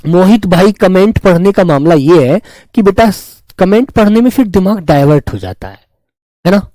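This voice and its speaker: A man with a high voice teaches grammar to an online class, repeating each term slowly and calling his students dear children. He stops to answer viewers' comments. The sound is dry and close. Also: sing-song, warm tone, dry recording, rough recording. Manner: addresses students fondly as children, repeats terms.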